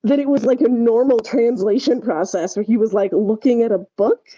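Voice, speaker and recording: A woman co-hosts a podcast, chatting in an informal, rambling way, with a slightly high, mellow, and slightly rough voice at normal speed. The recording is dry and slightly dull.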